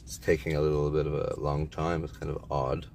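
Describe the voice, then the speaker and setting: Deep-voiced man vlogging from his car. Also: a little fast, creaky, slight background noise. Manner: spiritual, excitable, talks to himself while driving. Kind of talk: rambling self-filmed vlog. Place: in a car at a drive-through. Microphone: phone held in a car.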